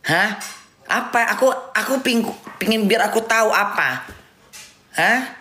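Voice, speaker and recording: A woman's voice: medium pitch, expressive, unhurried, bright, forceful tone. A middle-aged woman giving indignant, casual commentary on a film as a vlogger at home, often restarting and repeating words. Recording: roomy echo, faint background noise.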